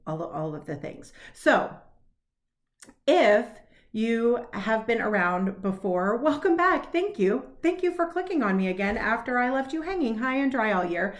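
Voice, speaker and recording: A woman's voice: fairly high pitch, expressive, unhurried. A woman in her late forties chatting casually to camera about her cross stitch plans, upbeat and laughing at herself. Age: 40s.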